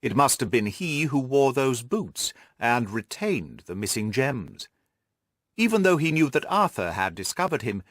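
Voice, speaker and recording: In an audiobook, a medium-pitched man voices a shrewd, self-assured gentleman detective who is precise and methodical. The recording is dry and of studio quality.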